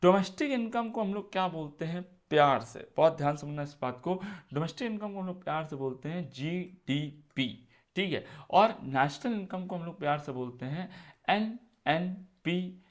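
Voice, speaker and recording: A man's voice: fairly high pitch, lively intonation, normal speed. A man teaching an exam-prep lecture who asks his students questions and answers them himself, repeats key terms and mixes in English phrases. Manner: calls students "beta".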